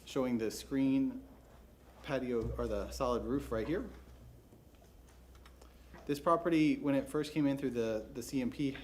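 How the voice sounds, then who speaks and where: A man giving a brisk, businesslike, formal case presentation at a public hearing, as a staff member. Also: medium pitch. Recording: faint noise, public hearing room.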